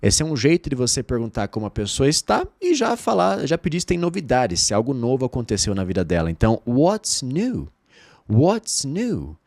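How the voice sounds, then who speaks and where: A Brazilian man with Portuguese as his first language, teaching an online English lesson and drilling phrases slowly with repetition. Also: medium pitch, gravelly, no echo. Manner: lively, drills phrases slowly and repeats them.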